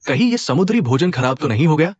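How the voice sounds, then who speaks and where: A man's voice: on the high side, sing-song, fast talker, darkish tone, husky, no room sound, lo-fi sound. A man voicing a pushy fisherman in a dubbed drama. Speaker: fisherman delivering seafood. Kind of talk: Hindi dub of a short drama.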